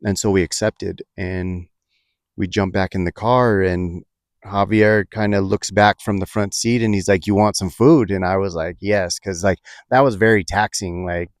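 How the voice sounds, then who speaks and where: A man telling a personal story in a reflective, halting way, with many fillers and restarts. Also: deep voice, fairly even intonation, no room sound, clean studio sound.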